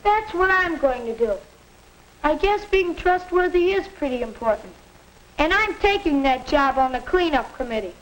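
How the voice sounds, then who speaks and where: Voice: sits high, expressive, normal speed, a bit bright. A young performer playing an earnest, plainspoken American schoolboy in a 1950s instructional film. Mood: earnest, resolved. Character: earnest young schoolboy questioning his father. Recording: noisy vintage 1950s film soundtrack.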